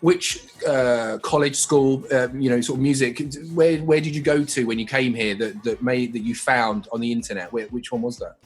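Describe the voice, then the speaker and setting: Husky male interviewer, halting, restarts a lot, faint music behind. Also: medium pitch, fairly even intonation. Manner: halting, many restarts and fillers. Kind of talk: casual interview chat.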